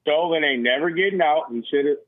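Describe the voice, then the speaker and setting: A man's voice: on the high side, quick pace, no room sound. A man calling into a radio show on a phone that sounds like a speakerphone, talking bluntly and provocatively over the host. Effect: phone call that sounds like a speakerphone. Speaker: radio call-in caller. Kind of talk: casual call-in chat. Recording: tinny speakerphone line.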